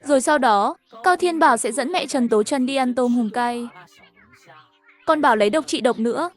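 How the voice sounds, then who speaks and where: A woman tells a cartoon story in a brisk, chatty way. Her voice sits high, and soft music plays quietly underneath. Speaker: narrator. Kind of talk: dubbed cartoon story narration. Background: faint music.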